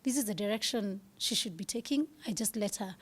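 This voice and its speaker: A woman's voice: mid-range voice, fairly quick, breathy edge. A woman in her thirties, speaking candidly as an interview guest, earnest and at times dropping to a whisper.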